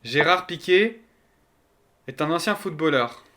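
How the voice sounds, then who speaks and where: Joking French-speaking streamer with a higher voice. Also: male voice, lively intonation, measured pace, pushed and bright. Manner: joking, thinks aloud, answers chat. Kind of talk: casual live-stream chat.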